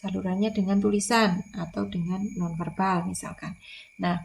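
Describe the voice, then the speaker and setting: A woman's voice: mid-range voice, fairly even intonation, normal speed, creaky, a little hiss or hum. A woman lecturer, explaining in a recorded online lecture, repeating key points with frequent fillers.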